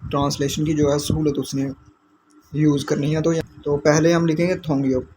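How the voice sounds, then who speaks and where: A man teaching Korean vocabulary, explaining each word slowly and repeating it. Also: a little high, flat delivery, mellow, slight background noise.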